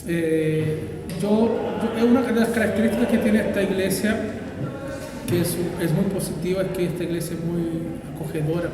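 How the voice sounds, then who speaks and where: A pastor who grew up in Brazil, answering interview questions in a thoughtful, hesitant way with many fillers. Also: male voice, high voice, moderate pace, very echoey, long reverb tail, far from the mic, poor audio.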